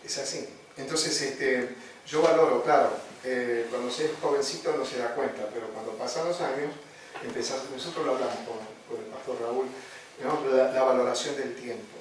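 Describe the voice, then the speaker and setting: A Rioplatense-accented pastor with a medium-pitched voice and fairly even intonation teaches a chaplaincy course at a moderate pace. His sermon-style delivery is conversational, sprinkled with fillers and repeated "¿no?" tags; the mic is far away in an echoey room with faint noise.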